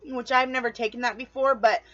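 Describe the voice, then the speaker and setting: Woman, casual vlogger, slightly high-pitched, rambling and chatty, speaks right to viewers, dull lo-fi home recording. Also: steady tone, fairly quick, a bit bright. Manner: rambling, loses her train of thought; chatty, addresses viewers directly. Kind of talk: casual storytelling to camera.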